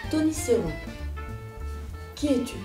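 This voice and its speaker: A woman asking interview questions in a quiet, soft-spoken way. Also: sits high, expressive, a little slow. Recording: roomy, distant, with music behind.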